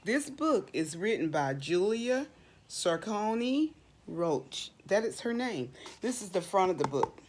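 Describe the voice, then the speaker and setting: Very animated and unhurried, this middle-aged woman's mid-range voice is a little mellow with a faint hiss or hum. As a teacher at children's storytime, she reads aloud, asking and answering questions with expression and lingering on repeated words for emphasis.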